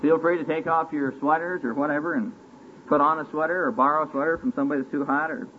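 A man giving a folksy, conversational sermon to a group, full of stories and questions to his listeners, at times rising to booming motivational calls. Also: fairly even intonation, fast talker. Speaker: preacher at a church retreat session. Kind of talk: sermon, conversational teaching with storytelling. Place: live talk to a seated group. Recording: tinny band-limited old recording with hiss.

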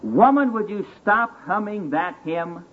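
A man telling a sermon anecdote and voicing an irritable, filthy old drunk on a stagecoach in loud, exasperated outbursts. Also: high voice, animated, unhurried, voice pushed up. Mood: irritated. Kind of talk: acted anecdote within a sermon. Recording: tinny band-limited old recording with hiss.

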